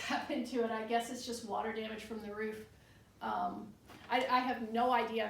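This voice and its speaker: This is a woman with a slightly high, fry-tinged voice, working as a tour guide and informally relaying local legends with a skeptical, no-nonsense attitude. The setting is an indoor room in an old bar building, captured with echo, a distant mic and faint noise.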